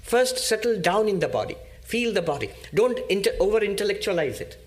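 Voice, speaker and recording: A man giving a spiritual discourse as a monk, teaching slowly and emphatically with pauses and repetition. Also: high voice, sing-song.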